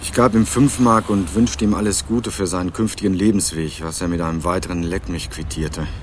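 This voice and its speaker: Pitched low and steady, this young man talks a little fast and acts only lightly, with faint hiss or hum on the track. He's the first-person narrator of a radio crime drama, dry and laconic, a sardonic fellow tracking down his vanished cousin while music plays underneath.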